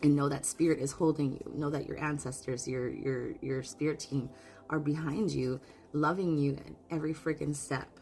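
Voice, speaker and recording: A woman reads spirit messages in a relaxed, conversational way, earnest and emotional, often stopping to restart a sentence. Her voice sits low and deep. Soft music plays faintly underneath. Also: moderate pace. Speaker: spiritual card reader. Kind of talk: casual spoken oracle reading.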